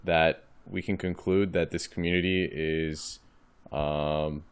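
A man's voice: rumbling low, level tone, slow pace, clear, resonant tone. A man hosting a casual interview podcast, rambling and restarting his sentences as he asks questions. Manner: rambling, hesitant, full of restarts. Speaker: podcast host.

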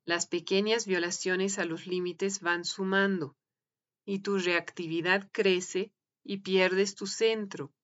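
A woman giving a slow, gentle, measured reading of a written piece. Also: mid-range voice, steady tone, muffled recording. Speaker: reader of translated articles. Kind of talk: calm scripted reading.

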